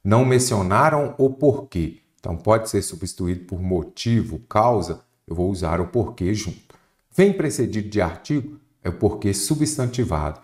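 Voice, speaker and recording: A low-voiced man, teaching an online exam prep lesson. His pitch swings up and down a lot as he talks. He keeps putting questions to the students and answering them himself. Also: normal speed. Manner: animated, asks and answers own questions.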